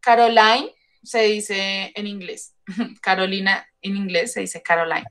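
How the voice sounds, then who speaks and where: A woman English teacher running an online class over a video call, warmly calling her pupils sweetheart and love. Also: medium pitch, fairly even intonation, unhurried. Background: pupils joining in on the call.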